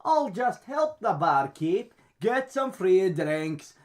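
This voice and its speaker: A man doing a slow, crude pit brawler. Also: sits high, very animated, exaggerated voice. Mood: boastful. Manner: boastful, blunt, crude. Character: hard-drinking brawling male pit fighter. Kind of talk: in-character roleplay interview.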